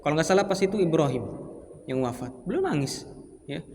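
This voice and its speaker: An ustadz with a high, fairly quick voice and a Palembang Indonesian accent leads a relaxed Islamic study lecture for a mosque study circle, putting rhetorical questions to his listeners and answering them himself. He reads short Arabic phrases and explains each one plainly in casual Indonesian. A long reverb from the large mosque hall trails his voice.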